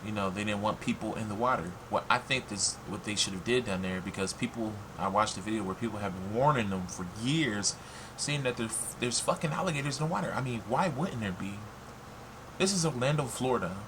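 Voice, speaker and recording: A man's voice: fairly low pitch, a little fast. An American man talking casually and bluntly in an opinion vlog, sometimes swearing. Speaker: online video commentator. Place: warm room at home with fan running. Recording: noisy, loud fan blowing nearby.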